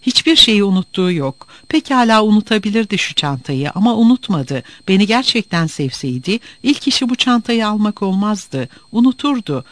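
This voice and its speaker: A man's voice: high-pitched, big pitch swings, moderate pace, hardly any pauses, dry recording, pitched above the performer's own voice. A man voicing a weary, despairing man who sobs and breaks down. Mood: self-pitying. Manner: sobbing, anguished, broken.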